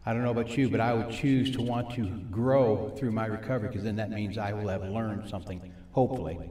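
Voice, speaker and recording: A man teaching a live faith-based recovery group on stage, folksy, repeating points slowly for his audience. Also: on the low side, steady tone, dark tone, reverberant. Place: church meeting room with audience and monitors.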